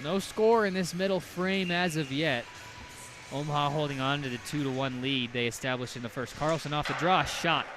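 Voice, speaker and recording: A man doing play-by-play commentary on a hockey game, with rapid calls that surge loud on goals. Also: fairly high pitch, music in the background. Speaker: play-by-play announcer.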